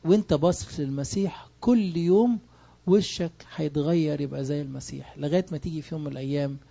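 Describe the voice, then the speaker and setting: Egyptian guy preaching, kinda high voice, asks and answers his own questions, muffled lo-fi recording. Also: fast talker, creaky, mellow. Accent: Egyptian Arabic. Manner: emphatic, asks rhetorical questions and answers them. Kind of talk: sermon.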